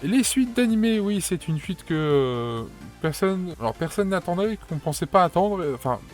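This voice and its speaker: A man's voice: high-pitched, sing-song, moderate pace, over loud music. A man with a French accent giving casual anime news commentary, rambling with lots of fillers and restarts.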